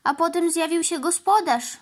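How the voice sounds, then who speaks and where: A woman doing a mooing, hurt mother cow. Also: normal speed. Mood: plaintive. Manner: lowing "moo" interjections, plaintive. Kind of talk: children's storybook reading.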